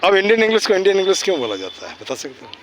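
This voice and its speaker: A man teaching school students outdoors, lecturing and firing rhetorical questions. He slows down and speaks deliberately whenever he switches into English. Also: sits high, big pitch swings, a little hiss or hum. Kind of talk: informal lecture with quiz questions. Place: outdoors in a park.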